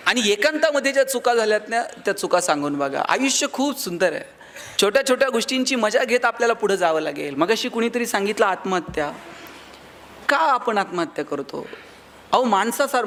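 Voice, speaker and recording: A man's voice: very high voice, a bit bright, a little hiss or hum. A man giving a live motivational speech to an audience, telling funny stories and acting out the people he quotes. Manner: humorous storytelling, acts out quoted people. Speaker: motivational speaker.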